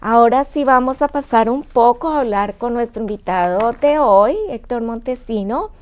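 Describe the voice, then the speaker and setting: A woman's voice: on the high side, moderate pace. A woman hosting a health talk and interviewing a guest, explaining plainly and checking in with short questions. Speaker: host.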